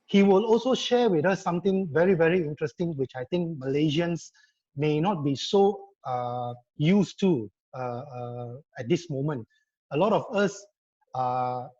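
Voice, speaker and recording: A man's voice: a little high, warm tone. Hesitant man on a muffled video call. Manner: hesitant, many fillers and restarts. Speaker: panel speaker, law association member. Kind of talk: live online panel talk. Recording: dull lo-fi video call audio.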